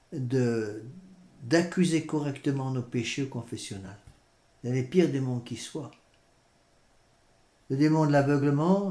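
French priest preaching in an echoey room. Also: male voice, medium pitch, dark tone. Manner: measured, hesitant with many fillers. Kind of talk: sermon with scripture reading.

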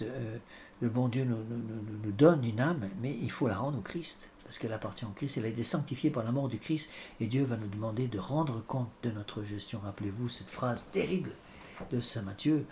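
Male priest, sermon delivery, halting and repetitive, faint background noise. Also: medium pitch, darkish tone. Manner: halting, repeats words, frequent fillers. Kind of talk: sermon with scripture commentary.

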